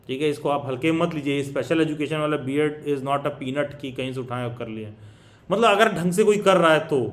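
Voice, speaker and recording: A man counselling students in a live online session, earnest, mixing in English phrases. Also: on the high side. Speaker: B.Ed. admission counsellor.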